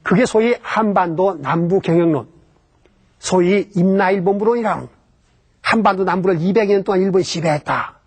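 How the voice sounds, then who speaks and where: Man, history lecturer, rhetorical questions, high voice, husky tone. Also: moderate pace, a little mellow. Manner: explanatory, poses rhetorical questions and answers them. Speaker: lecturer on Japan.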